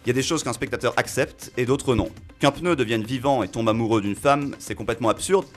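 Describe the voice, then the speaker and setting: Man, radio film critic, animated spoken review, mid pitch, faint music underneath. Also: brisk. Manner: animated, reasoning aloud with fillers.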